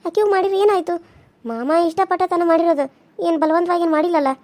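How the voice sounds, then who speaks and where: Woman voicing a coaxing high-pitched village girl. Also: fast, darkish tone. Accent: North Karnataka Kannada. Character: young village woman, the wife's sister, soothing. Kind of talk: cartoon serial voice acting.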